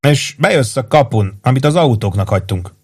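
A man's voice: mid-range voice, expressive, breathy edge. A man voicing a blunt, cocky young male infantry soldier who swears freely.

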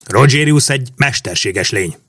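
A man voicing a scheming mage who lays out his plans in a measured, lecturing way, read as an audiobook. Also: medium pitch, animated, a bit bright, husky, dry recording, studio quality. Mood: cold, explaining. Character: scheming male mage, calm cold schemer. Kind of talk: audiobook reading.

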